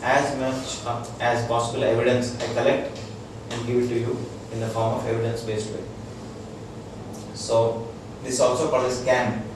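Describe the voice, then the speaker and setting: In an echoey room before a few listeners, a man with an Indian accent delivers an informal health lecture as a doctor. His explanations come in fits and starts, with checks that people understand, in a medium-pitched, level voice. The far-off microphone picks up strong echo and loud background noise.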